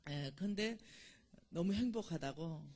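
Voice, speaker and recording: A woman's voice: fairly low pitch, lively intonation, measured pace, darkish tone. A woman, giving a church lecture in a chatty, storytelling way and laughing at her own jokes. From Gyeongsang Province, South Korea. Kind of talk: church lecture with humorous anecdotes.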